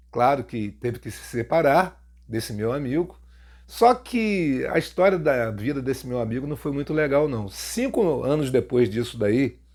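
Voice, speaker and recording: Brazilian man, slightly higher voice, sarcastic storyteller talking straight to his audience. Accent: Brazilian Portuguese. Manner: mocking, jokey, animated telling. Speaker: storytelling YouTuber. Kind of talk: casual first-person storytelling.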